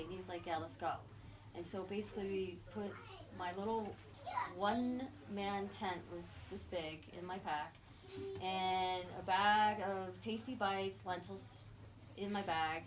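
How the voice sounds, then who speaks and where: Middle-aged woman telling a lively story. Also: medium pitch, noisy background. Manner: animated, acts out quoted voices, laughs often. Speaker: memorial speaker. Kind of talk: personal storytelling. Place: memorial gathering. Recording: distant mic with crowd around.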